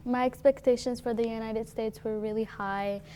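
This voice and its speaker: Teen girl telling her story, flat, mellow. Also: a little high, moderate pace, a little hiss or hum. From Syria. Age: teens. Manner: casual, uses "like" often. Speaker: guest. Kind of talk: personal storytelling.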